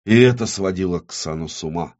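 A man reading an audiobook aloud in a grave, measured way. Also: low-pitched, a little mellow, highs cut off. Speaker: audiobook narrator. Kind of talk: dramatic audiobook narration.

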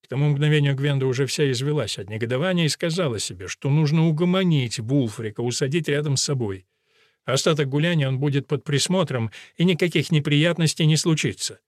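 A man reading an audiobook aloud in measured scripted narration. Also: fairly high pitch, dry recording, clean studio sound. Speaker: audiobook reader.

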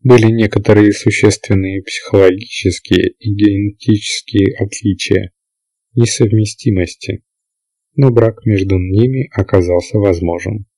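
A man reading the lines of a calm, self-assured half-alien young woman in an audiobook, explaining things in an even way. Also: fairly low pitch, a little slow, no echo, rough recording. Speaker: character in an audiobook.

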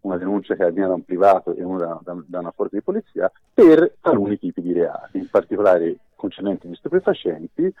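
A man's voice: low-pitched, expressive, quick pace, few pauses, no room sound. A man speaking over the phone as a legal expert guest in a radio interview, explaining in a formal, precise way. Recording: tinny phone line.

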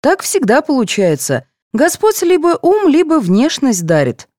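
A woman voicing a soft, indulgent mother who fusses and apologizes for her children in an audiobook. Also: sits high, wildly swooping pitch, measured pace, dry recording, clean studio sound, pitched above the performer's own voice, heavily acted. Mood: fussing. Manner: fussing, apologetic.

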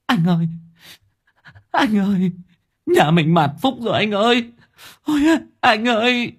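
A man voicing a grief-stricken young village wife who wails and sobs in a high, strained voice. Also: animated, a little slow, a bit bright, breathy edge, full character voice. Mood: wailing grief. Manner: wailing, sobbing, high and strained.

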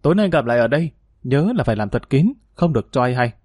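A decisive young hero, as a male narrator reads him, giving his orders quickly and firmly. The recording is close and dry. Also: mid-range voice, animated, darkish tone, husky, dry recording. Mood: urgent. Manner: urgent, commanding.

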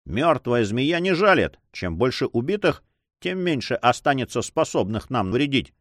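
A man's voice: medium pitch, very animated, normal speed, fairly bright tone, dry recording, studio quality. A man voicing a stern, contemptuous Spanish landowner in an audiobook.

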